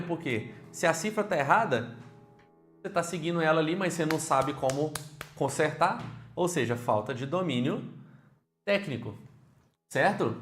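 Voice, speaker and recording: A man with a Brazilian Portuguese accent teaching keyboard online, lively and speaking straight to the viewer with frequent questions. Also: on the high side, echoey room.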